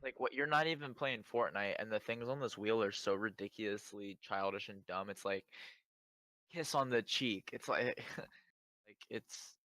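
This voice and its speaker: Young guy with a lowish voice, kinda scornful, laughs a lot, dry close sound. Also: moderate pace, bright, forceful tone, no room sound. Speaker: podcast co-host. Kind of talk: casual chat.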